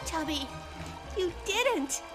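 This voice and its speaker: A woman voicing a bossy, quick-witted, determined little girl in a children's cartoon, speaking decisively and plainly. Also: very high-pitched, animated, over loud music, full character voice.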